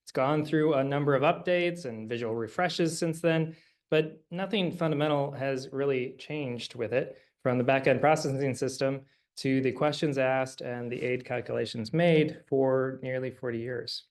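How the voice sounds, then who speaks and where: A man's voice: mid-range voice, normal speed. Man in his forties giving an earnest talk. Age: 40s. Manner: earnest, emphatic, with some fillers. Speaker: UX designer presenting. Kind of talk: conference presentation.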